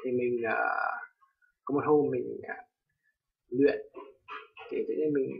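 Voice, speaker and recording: Gravelly young Vietnamese man teaching pronunciation. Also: medium pitch, fairly even intonation, takes it slowly. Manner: hesitant, many fillers, repeats example words loudly. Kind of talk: casual pronunciation lesson. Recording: distant lo-fi home recording.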